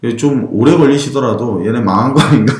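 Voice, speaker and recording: A man's voice: mid-range voice, fairly quick, a little mellow, echoey room. A man hosting a casual chat about property auctions, teasing his co-hosts. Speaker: podcast host.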